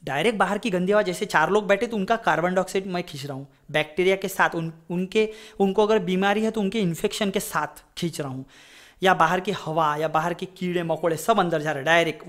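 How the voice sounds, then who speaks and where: Chatty high-voiced flute teacher. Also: male voice, brisk, a bit bright. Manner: chatty, rambling, digresses into advice; repeats "ठीक है?" to check in. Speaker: music teacher. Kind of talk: casual flute tutorial.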